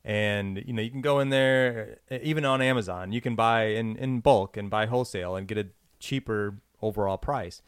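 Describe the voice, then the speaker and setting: A man's voice: on the low side, normal speed, few pauses, clean tone, no echo. Guy telling a long story casually, rambly, dry close mic. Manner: rambling, filler-heavy storytelling.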